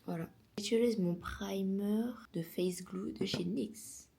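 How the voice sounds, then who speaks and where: A woman's voice: mid-range voice, steady tone, slow, gravelly, mellow, slightly rough. A woman in her twenties chatting casually in a home vlog, rambling and mixing in English words. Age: 20s. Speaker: vlogger.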